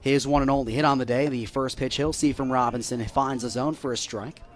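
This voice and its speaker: An American man calls baseball play-by-play live on the radio. He stays measured between pitches and lifts with excitement when plays happen.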